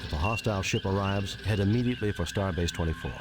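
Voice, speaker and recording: An actor playing a decisive, confident starship captain in a video game, with a deliberate, commanding delivery. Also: male voice, low-pitched, loud music behind the voice, close to an everyday voice.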